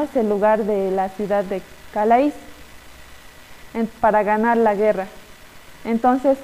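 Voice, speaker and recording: A young woman tells a Bible-class story to children, with a slightly high voice. She pauses often and keeps checking in with little tag questions and fillers. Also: mellow, long reverb tail, poor audio. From Bolivia. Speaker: children's Sunday school teacher.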